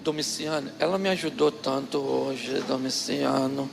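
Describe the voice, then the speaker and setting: A man voicing a wise older aunt who gently sweet-talks her stern husband. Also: very high-pitched, big-room sound, noisy background. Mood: coaxing sweetly. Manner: soft, slow, coaxing.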